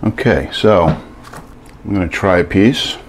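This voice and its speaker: A man casually talking through a home cooking video, relaxed and halting, with many fillers. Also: deep voice, a little hiss or hum. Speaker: cooking vlogger.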